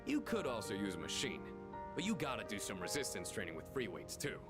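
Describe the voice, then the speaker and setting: Anime game boxer: teenage, resolute, earnest, animated delivery, loud music behind. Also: male voice, lowish voice, a little fast. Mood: grateful, helpful. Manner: resolute, plain-spoken. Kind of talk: dubbed anime game dialogue. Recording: loud music over the dialogue.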